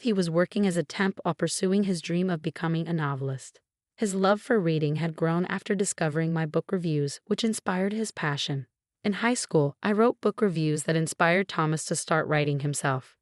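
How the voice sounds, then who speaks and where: A woman narrating a first-person drama story in a steady, measured reading voice. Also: fairly low pitch, no room sound, studio quality. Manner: even, measured reading of all characters in one voice.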